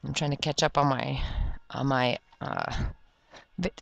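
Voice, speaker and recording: A woman's voice: rumbling low, steady tone, measured pace, creaky, no echo. A woman chatting casually through a scrapbooking tutorial at her craft table, rambling and correcting herself, with the hiccups. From Florida. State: has the hiccups. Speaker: scrapbooking video creator.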